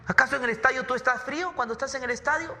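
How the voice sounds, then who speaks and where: High-pitched guy preaching, sharp bright voice, keeps repeating himself, long church hall echo. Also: rapid-fire, gravelly, a little hiss or hum. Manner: emphatic preaching with repeated words and rhetorical questions. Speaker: pastor. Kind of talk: sermon.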